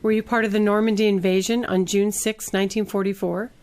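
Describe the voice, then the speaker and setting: Female interviewer, average pitch, delivering prepared questions. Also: level tone, fairly quick, darkish tone.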